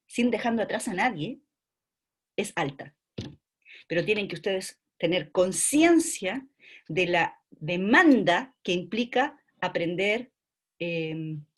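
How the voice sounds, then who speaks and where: A woman with a Chilean accent giving an online class to trainee teachers over a video call, explaining step by step and checking in with quick rhetorical questions. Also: mid-range voice, husky. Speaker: university lecturer for trainee teachers.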